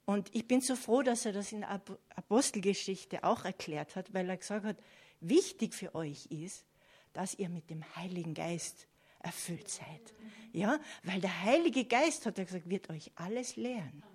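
A woman's voice: mid-range voice, normal speed, a little mellow, breathy edge. A woman preaching a sermon earnestly, often checking in with her listeners. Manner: earnest, with frequent "ja?" and "Amen" asides to listeners.

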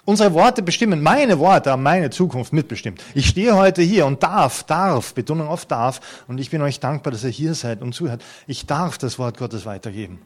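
A man's voice: on the high side, animated, moderate pace, hardly any pauses. A man in his fifties preaching an earnest, conversational sermon to a congregation, with touches of light humor. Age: 50s. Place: church hall before a congregation.

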